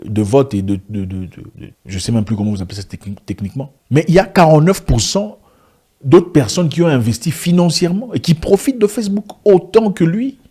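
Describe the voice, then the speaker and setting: This man, whose native tongue is an African language and not French, comments online in an impassioned monologue to camera, restarting often and asking rhetorical questions. His voice is mid-range, dark and husky.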